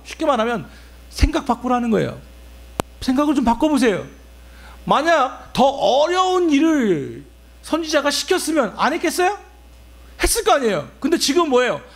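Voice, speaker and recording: A man's voice: very high-pitched, a bit bright. A male pastor preaching a sermon, asking the congregation rhetorical questions as he explains the text.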